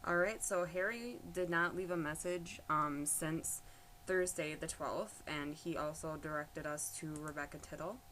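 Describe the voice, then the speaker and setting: A woman's voice: low-pitched, a little slow, fairly bright tone, poor audio. A woman giving casual explanatory narration in an unscripted way. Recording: faint background noise.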